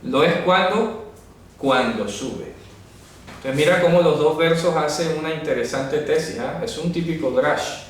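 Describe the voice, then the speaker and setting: Speaking a little slowly in a voice on the high side, a man teaches a Bible lesson at a writing board, carefully explaining and often asking listeners whether they follow along. The very echoey room is captured by a faraway camera mic, with faint noise present.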